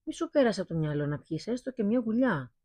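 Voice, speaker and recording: A burly, ill-mannered blacksmith bellows insults in a mellow, husky voice, as a woman reading a fairy tale puts him on. He sounds gruff and rude. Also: mid-range voice, sing-song, no room sound, pitched above the performer's own voice.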